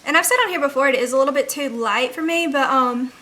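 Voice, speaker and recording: Casting: young adult woman, high-pitched and bright, for casual makeup tutorial talk. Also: fast talker. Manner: informal, frequent "like" as filler. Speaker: beauty vlogger. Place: indoors, rain audible outside.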